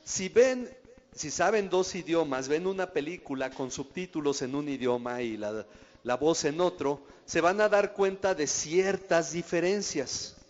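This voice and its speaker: A man's voice: fairly high pitch, unhurried, a little mellow. A man, preaching as a pastor in a conversational way and often asking the audience questions. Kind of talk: sermon teaching. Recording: dull recording in a reverberant hall.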